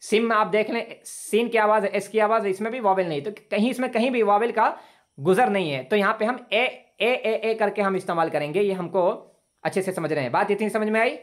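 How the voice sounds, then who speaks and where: A man with a high-sitting voice teaches an online English class over a video call. He explains patiently, repeats points, and slowly stretches out his example sentences.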